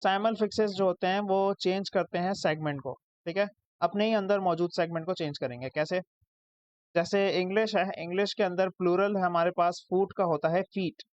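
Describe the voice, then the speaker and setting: A young man with a high voice and a Pakistani Urdu accent teaches English over slides. He explains patiently and step by step, checking in after each point. The sound is dry and a little dull and lo-fi. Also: fairly even intonation, moderate pace, dry recording. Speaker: English tutor. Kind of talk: recorded lecture over slides.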